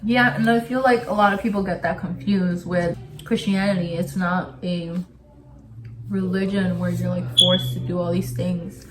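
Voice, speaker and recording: A young woman hosting a casual chat video, relaxed, often saying "like" and "literally". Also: lowish voice, moderate pace, a crowd in the background. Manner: relaxed, says "like" and "literally" a lot. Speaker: host.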